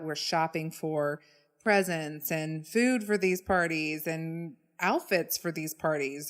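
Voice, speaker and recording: A woman co-hosting a wellness podcast, talking conversationally and leaning on words for emphasis. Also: sits low. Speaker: podcast co-host. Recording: long echoing reverb.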